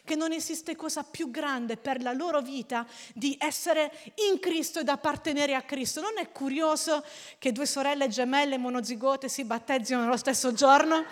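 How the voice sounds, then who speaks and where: A woman preaching a sermon in an animated, storytelling way with frequent laughs. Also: high-pitched, normal speed. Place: church hall. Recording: long hall reverb.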